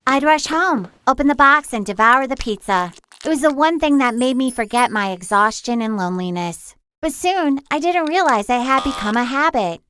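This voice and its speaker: A woman's voice: a little high, background noise. A young woman narrating her own life story in the first person, earnest and confessional. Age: young adult.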